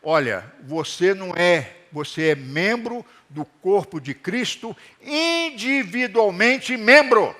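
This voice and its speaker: A middle-aged man preaching a sermon to his congregation in a church hall, animated and calling for responses. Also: high-pitched, slow, hardly any pauses. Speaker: pastor.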